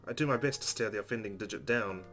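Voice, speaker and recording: Speaking fast in a fairly low but fairly bright voice, a man reads the story narration from the game he's playing through. He delivers it expressively as a let's play host, with game music in the background.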